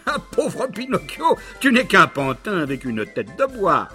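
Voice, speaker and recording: A man's voice: high voice, wildly swooping pitch, unhurried, sharp tone, faint music behind, pitched above the performer's own voice, heavily acted. A man doing a wise old scolding cricket. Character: wise old cricket, patient but firm.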